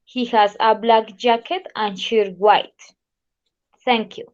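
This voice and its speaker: A woman in her thirties with a Colombian accent presents herself in English for a class. Her delivery is slow and halting, as a learner's, set a bit high. The sound is dull and lo-fi. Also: steady tone. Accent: Colombian Spanish. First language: Spanish. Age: 30s. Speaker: language student.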